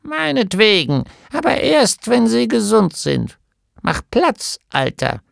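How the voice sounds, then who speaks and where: A man's voice: high-pitched, wildly swooping pitch, slow pace, gravelly, no room sound, studio quality, voice pushed up, exaggerated voice. A man voicing a bossy old female gnome healer in an audiobook, with a scolding, nagging manner. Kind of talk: audiobook character voice.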